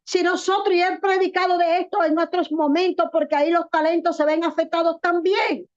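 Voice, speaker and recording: A woman pastor preaching a sermon in an earnest way, with rhetorical questions and slow, stressed words for emphasis. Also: very high-pitched, steady tone. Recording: dull lo-fi recording.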